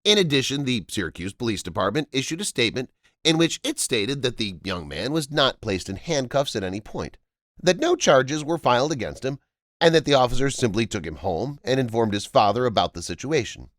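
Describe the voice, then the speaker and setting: A man reading scripted narration for a news-story video in a formal, measured explainer manner. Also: medium pitch, animated, fairly bright tone, dry recording, clean studio sound.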